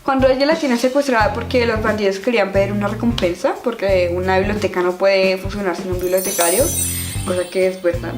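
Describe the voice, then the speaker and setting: A young woman talks through a favorite children's book in a lively, giggly vlog manner. Her voice sits in a middle range and rings off a roomy space, with music running underneath. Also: medium pitch, a little fast. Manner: animated, chatty, giggly. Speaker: vlogger reviewing a children's book. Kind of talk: casual book-review vlog. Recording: echoey room with background music.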